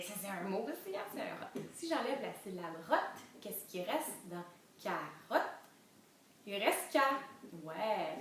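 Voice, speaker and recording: Animated Québécois woman reading to toddlers. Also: medium pitch. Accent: Quebec French. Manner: animated, spelling out syllables slowly. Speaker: children's reading educator. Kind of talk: enriched read-aloud lesson for toddlers. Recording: very echoey room, distant mic, faint noise.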